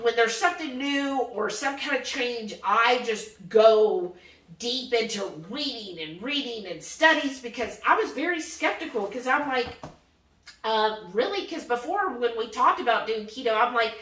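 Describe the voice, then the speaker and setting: A slightly high-pitched woman speaks at a moderate pace, casually sharing a personal story as a vlog host. She retells it with energy, often quoting dialogue in acted voices. The recording is roomy and echoey, with the microphone placed far away.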